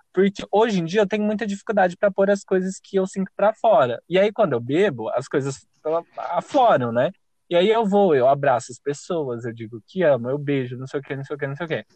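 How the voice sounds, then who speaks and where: A young man with a Brazilian Portuguese accent, hosting a podcast and telling a lively, self-mocking story with casual swearing. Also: a little high, dry recording. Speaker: podcast host.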